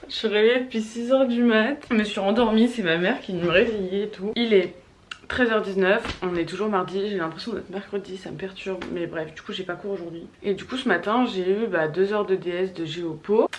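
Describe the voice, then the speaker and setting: A teenage girl from France chatting casually in a vlog, tired and unwell, with quick asides and exasperated complaints. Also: mid-range voice, a little hiss or hum. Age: teens. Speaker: vlogger.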